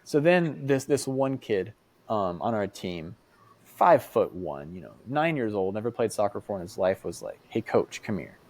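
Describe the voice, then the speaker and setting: A young American man, a podcast guest, telling casual stories in an animated way, acting out quoted voices between many fillers. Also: fairly low pitch, normal speed. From United States. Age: young adult. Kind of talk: casual storytelling.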